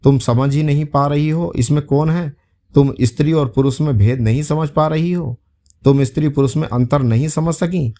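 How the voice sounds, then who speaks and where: A gruff old father-in-law in a spoken folk tale, scolding the women and sure that he alone is right, as a male storyteller reads him. His voice is mellow and close to plain narration. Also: mid-range voice, fairly even intonation, a little slow, lightly acted. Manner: reprimanding, dismissive.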